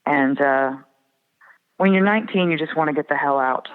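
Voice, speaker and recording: A woman in her forties from the northern prairie, reflective and often laughing softly as an interview guest. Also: sits low, normal speed, clean tone. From Minnesota and North Dakota border area. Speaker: guest singer-songwriter. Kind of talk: casual interview chat. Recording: tinny phone-like line with long reverb.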